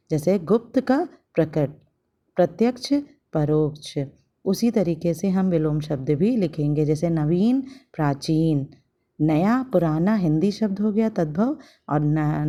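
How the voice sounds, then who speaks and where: Female teacher, unhurried dictation of word lists, deep and warm tone. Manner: reads word pairs slowly and repeats them. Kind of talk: recorded Hindi vocabulary lesson.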